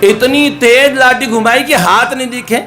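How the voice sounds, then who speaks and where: A man's voice: very high voice, unhurried, sharp tone, soft background music. A man telling a devotional story with a playful, affectionate teacher's tone. He sings rhyming couplets and then explains them in plain speech. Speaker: spiritual storyteller. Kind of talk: devotional storytelling with sung verses.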